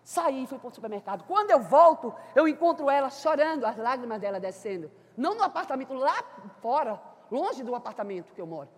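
A high-pitched woman preaches in a church, her voice carrying a long hall reverb. She moves between loud, fervent exclamations and quiet, intimate storytelling as she shares testimony. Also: very animated, fairly quick, few pauses, breathy edge. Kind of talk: sermon with personal testimony.

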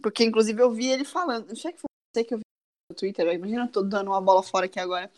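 A woman with a Brazilian Portuguese accent hosting a casual football podcast, chatting in an animated, slangy, teasing way. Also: medium pitch, racing. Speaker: podcast host.

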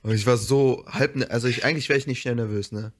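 A man's voice: medium pitch, fairly even intonation, fast. Young man laughing through a story. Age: young adult. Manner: laughs often, acts out dialogue with swearing and slang. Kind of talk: casual storytelling chat among friends.

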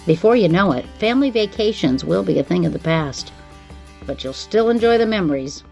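Middle-aged female podcast host, slightly low register, scripted personal storytelling over music. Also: expressive, brisk, gravelly, a little mellow.

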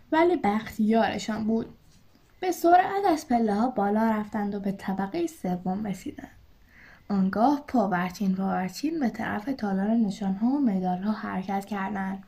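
A woman reading a storybook aloud with measured, expressive narration. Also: medium pitch. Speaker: reader.

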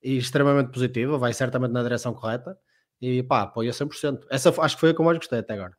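Fast-talking Portuguese man, emphatic. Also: medium pitch. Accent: European Portuguese. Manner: emphatic, opinionated commentary. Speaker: co-host. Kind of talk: casual live discussion.

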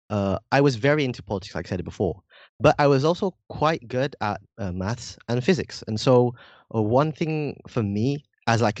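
In a relaxed interview chat, an Indonesian university student in his young adult years speaks earnestly as a podcast guest, sprinkling in "like" and "right?". His English carries a slight British sound. He has a mid-range, slightly mellow voice, recorded with no room sound.

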